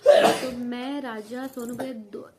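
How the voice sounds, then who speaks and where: A woman's voice: high voice, fairly even intonation, normal speed, heavy background noise. A young woman vlogger tells viewers a family story at home, rambling with restarts and coughing now and then. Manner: rambling, many restarts and fillers, talks straight to viewers. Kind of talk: casual vlog storytelling.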